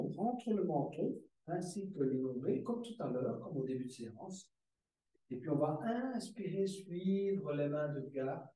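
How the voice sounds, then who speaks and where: A calm male yoga teacher talks a class through breathing and stretches, repeating his cues softly and slowly. His voice is mellow and sits a little high for a man. He sounds far from the mic in a very echoey room. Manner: calm, slow step-by-step breathing cues with soft repetitions. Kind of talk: guided yoga class instruction.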